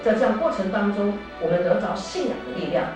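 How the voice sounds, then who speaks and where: A woman's voice: mid-range voice, lively intonation, fast. A woman with a Taiwanese Mandarin accent giving earnest scripted narration. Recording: distant echoey playback with music.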